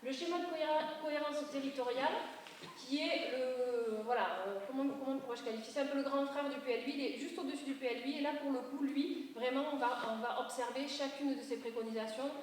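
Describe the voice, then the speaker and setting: An urban planning consultant, a woman with a high-pitched voice, gives an explanatory talk to an audience, going a little fast. Her approach is didactic and stepwise, with self-corrections as she proceeds. The recording comes from a distant mic in a big, highly reverberant meeting hall, with faint noise.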